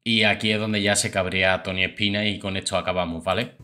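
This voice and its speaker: Bright-voiced Spanish male commentator. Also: sits low, little pitch movement, brisk, slight background noise. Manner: chatty, opinionated. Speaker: host. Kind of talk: casual commentary on reality TV clips.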